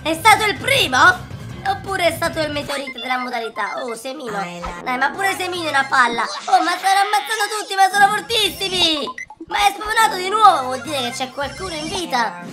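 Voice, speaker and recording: Hyper little kid voice, high and squeaky, squeals and yells, game music going. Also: male voice, expressive, fairly quick. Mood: excitable. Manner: squealing, shouting and sing-song outbursts. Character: hyper excitable little boy, giggly and dramatic. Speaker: YouTuber. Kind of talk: gaming reaction video.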